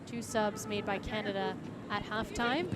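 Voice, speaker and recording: A woman's voice: medium pitch, steady tone, a little slow. A woman giving live play-by-play commentary on a soccer match. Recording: loud crowd and outdoor stadium noise. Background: noisy outdoor stadium crowd.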